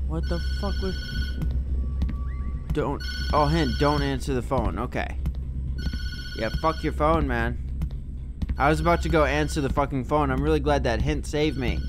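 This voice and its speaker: A man's voice: fairly high pitch, noisy background. A young man giving scared horror game commentary, jumpy and foul-mouthed, exclaiming and muttering to himself. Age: young adult. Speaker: gaming streamer. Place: indoor room at home. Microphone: close desk microphone with headset headphones.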